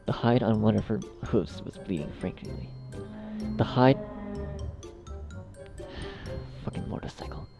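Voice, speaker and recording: Loud music sits over this recording of a male narrator-editor working through story outtakes. His voice is fairly low, sing-song and creaky, and he goes slowly with frequent pauses. Exasperated with himself, he keeps restarting lines and cursing at his own mistakes under his breath.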